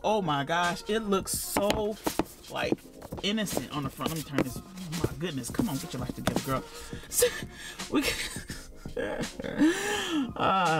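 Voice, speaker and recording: A man giving a casual tour of his manga collection at home, chatty and self-correcting, laughing at himself and calling his viewers y'all. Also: high-pitched. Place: home room with shelves.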